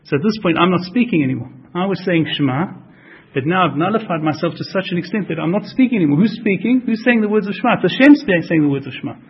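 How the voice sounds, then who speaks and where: Husky-voiced man teaching a Torah class. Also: high-pitched, animated, fast talker, dull audio. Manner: explains with repetition and rhetorical questions; mixes Hebrew and Yiddish terms into English.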